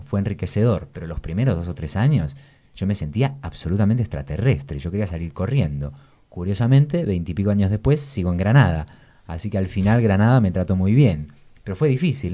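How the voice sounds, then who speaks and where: A middle-aged Argentine writer being interviewed, speaking in a reflective, anecdotal way with an accent that shifts between Argentine and Spanish from Spain. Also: male voice, low voice, warm tone. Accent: Argentine Spanish mixed with Spanish from Spain. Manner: reflective, anecdotal, tag questions, swings between two accents. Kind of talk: relaxed conversational interview.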